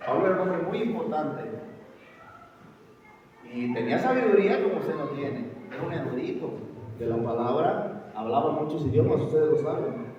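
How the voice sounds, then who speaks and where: A man's voice: on the high side, animated, normal speed. A man preaching an emphatic sermon, questioning the congregation and calling them brother. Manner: emphatic, asks the congregation questions, repeats "hermano". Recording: echoey hall, distant mic, muffled and noisy.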